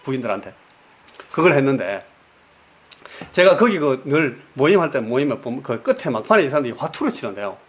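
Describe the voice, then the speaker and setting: A man's voice: medium pitch, big pitch swings, a little fast, pauses often, breathy edge. A man preaching a sermon as pastor, telling stories and putting questions to the congregation, repeating words for emphasis. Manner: storytelling, asks the congregation questions.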